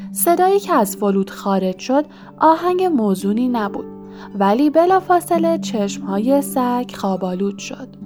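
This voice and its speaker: A woman narrates a storybook in a measured, mid-pitched voice, at times sinking to a near whisper. Faint music plays behind her reading. The delivery is scripted and steady. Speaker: audiobook narrator.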